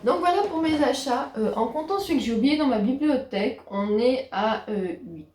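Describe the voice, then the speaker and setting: A woman chatting casually about her latest books as a book vlogger, talking in a hesitant way with frequent pauses. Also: sits high, expressive, a little mellow, a little hiss or hum. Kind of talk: casual book haul chat. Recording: roomy echo.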